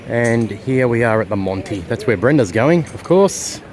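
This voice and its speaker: A man's voice: medium pitch, normal speed, a little mellow. A man from Australia with an Australian accent, chatting casually as he narrates a walking tour outdoors on city streets. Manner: chatty, rambling, with fillers. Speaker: travel vlogger. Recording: street noise behind.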